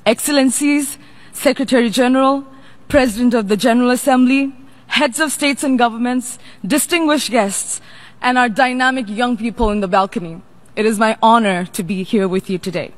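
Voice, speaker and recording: A young woman from Nepal, a youth representative, delivering a formal prepared speech in a measured, deliberate way. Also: on the high side.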